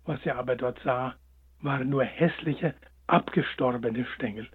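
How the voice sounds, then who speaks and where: A man narrating a storybook in a gentle, expressive way, on a tinny line. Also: medium pitch, measured pace, breathy edge. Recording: tinny phone-like sound.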